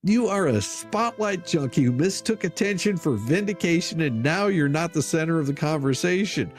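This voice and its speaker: Over background music, a man with a fairly high, expressive voice tears into an open letter at a normal speed. He's an online commentator, and his reading is theatrical, mocking and laced with swearing.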